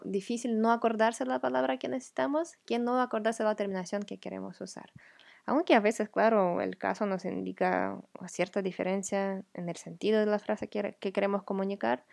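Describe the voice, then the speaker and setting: A woman with Ukrainian as her first language, patiently explaining grammar as a teacher and repeating example words slowly. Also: medium pitch, gravelly, a little mellow, dry recording.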